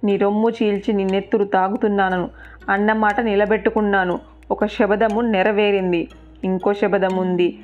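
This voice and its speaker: A savage, vengeful warrior hurling taunts and boasts, as a woman storyteller puts him on. The voice sits in a middle pitch and sounds thin and tinny, like a phone line, with faint music behind. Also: level tone, moderate pace, lightly acted. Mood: triumphant. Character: furious vengeful male warrior, towering and savage.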